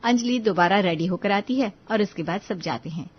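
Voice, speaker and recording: A woman giving scripted narration for a cartoon story, in an even storytelling manner. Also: medium pitch, normal speed, breathy edge, dull audio.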